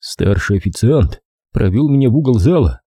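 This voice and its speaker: A man reading a detective novel aloud in the first person, in a lively, ironic manner. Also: mid-range voice, normal speed, slightly rough, no room sound, studio quality. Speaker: audiobook reader. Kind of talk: scripted narration.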